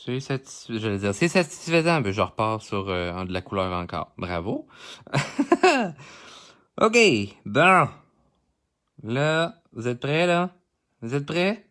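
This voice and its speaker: A man's voice: mid-range voice, sing-song, unhurried, a bit bright. A man with a Québécois accent giving a live coloring tutorial, chatting directly with his viewers as he works. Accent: Québécois French. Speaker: art instructor. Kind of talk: live-streamed drawing tutorial.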